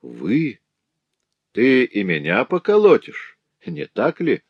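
A man voicing a grim older widow and mother who speaks slowly and coldly. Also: mid-range voice, huge pitch swings, creaky, breathy edge, no room sound, lo-fi sound, pitched above the performer's own voice, exaggerated voice. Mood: stern. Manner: slow, cold, commanding.

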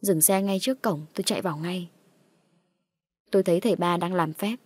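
Breathy woman narrating a horror story. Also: on the low side, fairly quick, a little mellow, no echo, clean studio sound.

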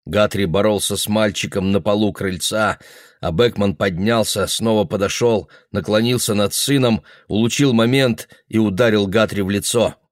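Low-voiced man reading a novel. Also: normal speed, no room sound, studio quality. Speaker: audiobook reader. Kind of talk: literary narration.

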